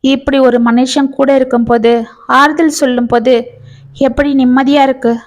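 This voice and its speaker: A woman's voice: high voice, fairly even intonation, moderate pace, natural voice. A woman voicing a distressed middle-aged single mother, tearful and pleading. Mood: wistful. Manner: tearful, pleading, rising and raw.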